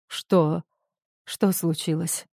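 A woman reading the part of a hysterical, frightened young woman in an audiobook, shrill and tearful. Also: steady tone, extremely slow, vocal fry, darkish tone, no room sound, studio quality, full character voice. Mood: irritated.

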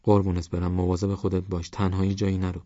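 A man's voice: sits low, completely flat delivery, dark tone, no echo, lo-fi sound, lightly acted. A man voicing a caring, protective old village grandmother in an audiobook, talking in a fussing, cautioning way. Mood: tender.

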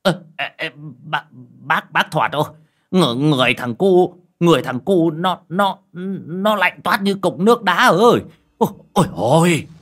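A man's voice: a little high, animated, moderate pace, fairly bright tone, pitched above the performer's own voice. A man voicing a balding old village man who stammers and trembles with fear, in a told horror story. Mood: terrified.

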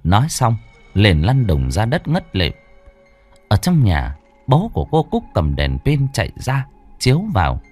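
A man's voice: on the low side, huge pitch swings, a little slow, a little mellow, soft background music. A man narrating a ghost story in a suspenseful, vivid cadence.

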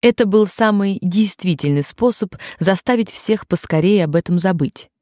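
A woman narrating an audiobook in a measured, even-paced reading. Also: mid-range voice, dry recording, clean studio sound.

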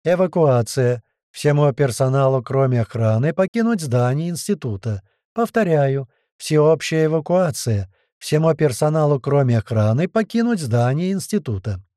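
Female evacuation announcer, slow and measured, warm dark tone, voiced by a man. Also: on the high side, expressive, no echo, studio quality, natural voice. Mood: announcing. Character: woman's voice on evacuation loudspeaker.

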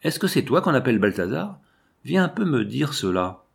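A man reading a storybook and voicing a cocky teenage boy with a raspy voice, breezy and mock-ceremonious. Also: mid-range voice, very animated, moderate pace, full character voice. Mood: mock-grand.

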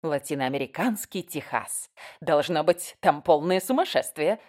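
A woman's voice: low voice, animated, moderate pace, a little mellow. A woman reading the part of a restless husband, talking eagerly about travel plans in an audiobook. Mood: amused. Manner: eager, matter-of-fact planning.

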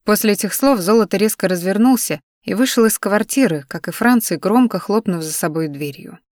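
A woman narrating a first-person story in an even, measured audiobook reading. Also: mid-range voice, no echo, studio quality.

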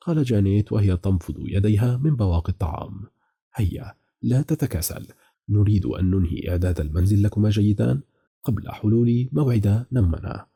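A man's voice: on the low side, a little fast, creaky, mellow, breathy edge. A man narrating a horror novel as an audiobook, reading all the characters' dialogue in a near-plain voice.

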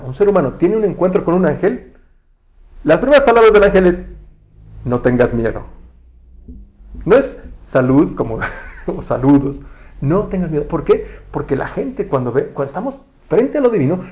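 Cast note: male preacher with a slightly high voice, talks easily, often restarts his sentences. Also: rough recording. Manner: relaxed, self-correcting, asks the audience questions. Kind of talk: conversational sermon.

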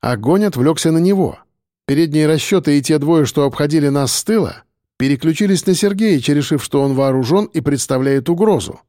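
Mellow-voiced male audiobook narrator. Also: a little high, brisk, no room sound, studio quality. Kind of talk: first-person audiobook narration.

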